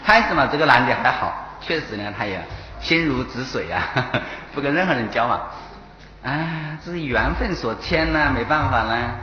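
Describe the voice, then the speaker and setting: A man's voice: medium pitch, expressive, moderate pace, bright, forceful tone. A man, a Buddhist monk with a Taiwanese Mandarin accent, giving a dharma talk and telling parables, chuckling at his own points. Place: temple lecture hall. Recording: echoey hall, dull lo-fi, faint hiss.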